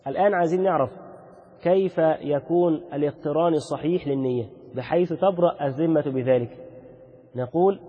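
A man with an Egyptian Arabic accent teaching religious law in a fairly high, breathy voice. He lays out each ruling, puts questions to his listeners and answers them himself. The recording is dull and lo-fi, with a long reverb trailing his words. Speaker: Islamic jurisprudence teacher. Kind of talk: religious lesson.

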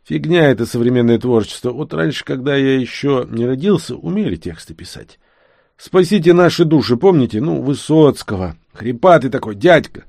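A man voicing a wounded talking tomcat who grumbles and sings in a raspy, wheezing voice. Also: mid-range voice, lively intonation, normal speed, a little mellow, no room sound, studio quality, pitched above the performer's own voice. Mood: grumbling.

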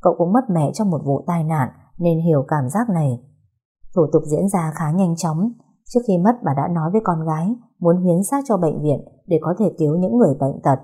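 A woman narrating a dramatic audio story in a steady, measured way. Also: on the low side, breathy edge.

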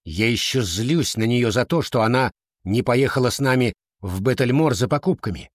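A man's voice: medium pitch, animated, moderate pace, no room sound, clean studio sound, natural voice. A man voicing a snobbish, bossy schoolgirl in an audiobook, with a snappy, sneering delivery. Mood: snappy haughty.

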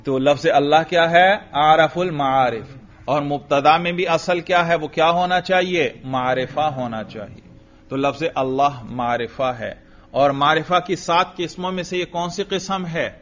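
A man teaching a grammar class, his voice pitched somewhat high and heard through a dull, lo-fi recording. He quizzes students with repeated questions and answers. Now and then he chants phrases slowly, almost in a sing-song. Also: steady tone, a bit bright. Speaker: religious teacher.

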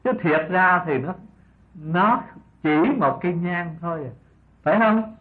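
Older monk, tinny recording. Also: male voice, high-pitched. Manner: unhurried, asks rhetorical questions, chuckles softly. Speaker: Buddhist monk teacher. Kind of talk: dharma talk sermon.

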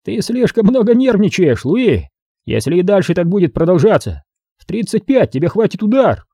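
A man's voice: high voice, very animated, moderate pace, mellow, no echo, studio quality, pitched above the performer's own voice, full character voice. A man reading an audiobook voices a cocky, teasing male gangster who needles his partners.

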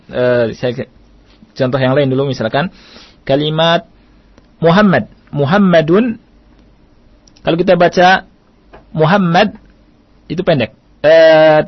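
Man, radio recitation teacher, patient and repetitive, slow pace, dull lo-fi sound. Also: fairly high pitch, no room sound. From Indonesia. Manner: patient, repeats key points, chants Arabic verses slowly. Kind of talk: radio lesson. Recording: dull dry radio broadcast.

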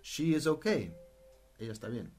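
A man leads an English lesson on the radio, prompting students and laughing between drills. His intonation swings up and down lively. Faint music plays behind him in the studio. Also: mid-range voice, normal speed. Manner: playful, prompting, laughs often. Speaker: radio English teacher and host.

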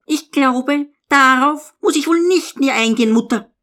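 A man voicing a stern, unrelenting young woman, the elder daughter, in an audiobook reading; sharp, cold and insistent. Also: extremely high pitch, measured pace, pitched above the performer's own voice, full character voice.

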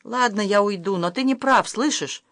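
A woman's voice: medium pitch, normal speed, a bit bright, no echo, clean studio sound, natural voice. A woman reading the lines of a distressed young stepmother, reproachful and emotional, her voice rising when upset. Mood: shaken.

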